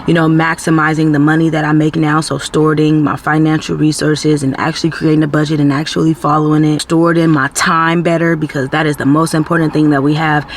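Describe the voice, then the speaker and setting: Guy vlogging about self growth, kinda high voice, earnest and preachy, lots of like and you know, faint noise behind. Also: little pitch movement, a little fast, hardly any pauses. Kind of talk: casual motivational talk to camera.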